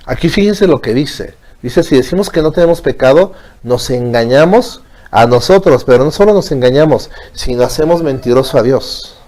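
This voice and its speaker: A man's voice: fairly high pitch, darkish tone. A man teaching a religious lesson, explaining patiently and checking in with his listeners often.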